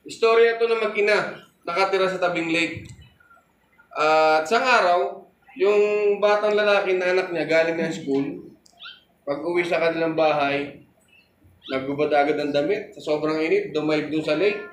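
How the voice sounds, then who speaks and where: High-pitched preaching man in an echoey hall. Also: moderate pace, long pauses, slight background noise. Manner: preaching with call-and-response, telling a story. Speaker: pastor. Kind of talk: sermon.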